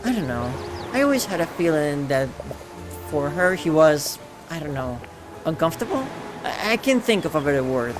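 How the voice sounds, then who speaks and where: A man's voice: a little high, big pitch swings, moderate pace, music in the background. A man voicing a wistful, hesitant teenage girl who writes poetry, in a video game read-aloud. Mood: uneasy. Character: teenage girl, wistful poet missing her best friend.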